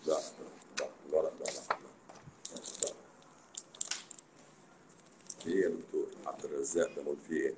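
A man with an Egyptian accent, a doctor hosting a live stream, talking in a sarcastic, teasing, animated way. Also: rumbling low, fast, pauses often, noisy background. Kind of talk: casual live stream talk. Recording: roomy echo.

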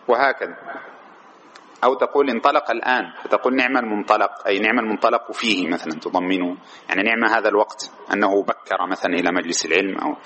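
Man, classroom grammar lecture, asks students questions, mid-pitched voice, faint background noise. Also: fairly bright tone. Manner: calls on students, repeats their answers, stretches key words. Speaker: teacher of Arabic morphology.

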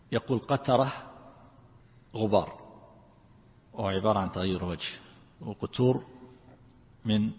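Low-voiced sheikh teaching in a hall. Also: male voice. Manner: explains slowly, repeats words to drill their vowel forms. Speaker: sheikh teaching Quran exegesis. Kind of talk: classroom lesson commentary. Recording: lo-fi recording in a reverberant hall.

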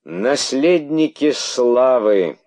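A man reading aloud as an old, pompous python king who declaims his outrage loudly and theatrically. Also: high-pitched, extremely slow, clean tone, pitched above the performer's own voice. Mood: indignant ranting.

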